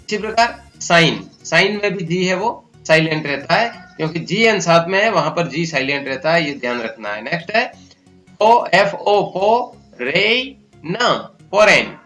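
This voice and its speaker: A man with a Rajasthani Hindi accent teaching English pronunciation, slowly spelling out words letter by letter. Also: fairly high pitch, animated, bright, forceful tone, soft background music. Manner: slow, spells out letters one by one. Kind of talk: spoken English pronunciation lesson.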